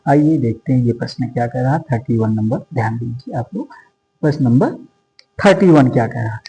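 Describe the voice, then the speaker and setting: A man leads a sociology exam-prep lesson in a mellow, relaxed voice. He drills each multiple-choice option and repeats question numbers so students can keep up. Faint music plays under him. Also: medium pitch, brisk, creaky, poor audio.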